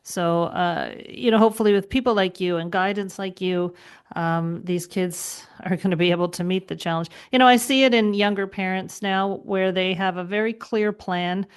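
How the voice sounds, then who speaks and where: A woman's voice: medium pitch, fairly even intonation, moderate pace, clear, resonant tone. A woman hosting an interview podcast, affirming her guest and asking open questions. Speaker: podcast host. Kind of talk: conversational interview.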